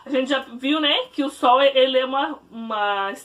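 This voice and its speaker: Woman teacher recording a class at home, high and animated voice, a bit distant from the mic. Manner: warm didactic, explaining slowly to children with frequent "né?". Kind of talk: recorded remote class lesson. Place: at home, in her bedroom.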